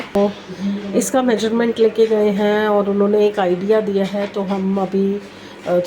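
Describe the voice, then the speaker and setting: A woman talks her viewers through renovation work in her home. She keeps her voice low and chatty, with the camera held close to her. The room behind her is noisy. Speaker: home vlogger. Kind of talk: casual home renovation vlog. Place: home under renovation, indoors. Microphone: handheld camera held close.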